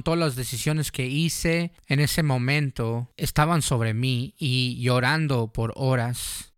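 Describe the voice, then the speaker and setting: Man, preacher, personal testimony, earnest appeal, smooth resonant voice, dry sound. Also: medium pitch, no room sound. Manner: earnest, urgent appeal to the listener. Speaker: preacher giving his testimony. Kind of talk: personal testimony and altar call.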